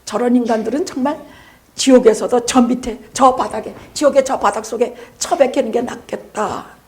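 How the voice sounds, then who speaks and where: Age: adult. Sex: woman. Role: pastor. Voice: fairly high. Style: dramatic sermon that sinks to hushed whispers and climbs to emphatic peaks. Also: moderate pace. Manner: vivid storytelling with sound words.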